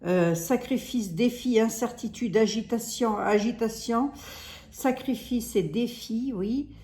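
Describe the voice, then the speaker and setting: A woman's voice: on the high side, slow, warm tone, roomy sound. Rambling woman with a Lorraine accent. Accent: Lorraine French. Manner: rambling, hesitant, full of restarts and "hein". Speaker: tarot reader. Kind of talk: casual card reading monologue.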